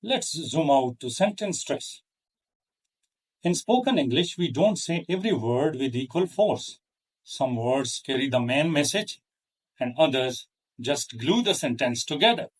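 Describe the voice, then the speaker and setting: Guy teaching english stress really slowly, careful and measured, mic a bit far off. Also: mid-range voice, animated. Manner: careful, measured delivery with pauses between phrases. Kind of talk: slow deliberate lesson.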